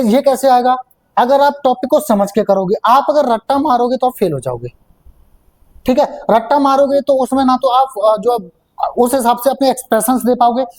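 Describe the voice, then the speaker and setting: A man's voice: very high voice, a little mellow, poor audio. A man coaching students for an interview, explaining step by step and checking in often. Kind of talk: classroom coaching talk.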